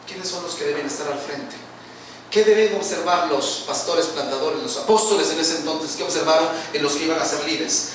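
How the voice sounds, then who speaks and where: A middle-aged male pastor preaching a sermon in a church, asking rhetorical questions and swelling in volume. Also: fairly high pitch. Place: church sanctuary. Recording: echoey church hall, distant mic, noisy.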